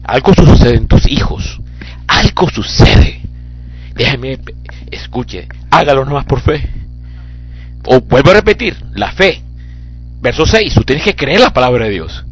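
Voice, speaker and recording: A man's voice: medium pitch, big pitch swings, unhurried, long pauses, breathy edge, faint music behind. A man preaching a sermon as pastor, impassioned and fervent, building into cries.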